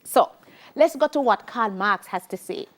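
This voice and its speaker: A woman's voice: a little high, animated, moderate pace. A middle-aged woman with a Jamaican accent teaching a televised sociology lesson, emphatic and repeating key points, slipping into Creole phrases.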